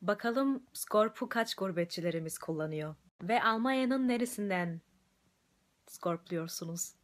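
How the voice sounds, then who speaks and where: A woman's voice: medium pitch, lively intonation, unhurried. A young woman, chatting casually into a phone held at arm's length. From Germany. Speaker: social video creator. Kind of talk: casual selfie chat.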